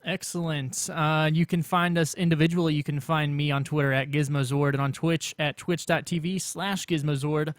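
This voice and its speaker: A man's voice: a little high, steady tone, moderate pace, hardly any pauses, dry recording. A man hosting a gaming podcast over a call, running the plugs and sign-off. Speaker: podcast host. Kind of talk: casual podcast chat. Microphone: remote call mic.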